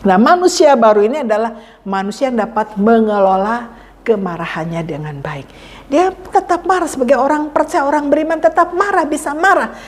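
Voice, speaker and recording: A woman's voice: high-pitched, lively intonation, normal speed, in a large hall. A woman pastor preaching a sermon, repeating key phrases for emphasis and acting out pleading prayers. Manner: acts out pleading prayers to God. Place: church.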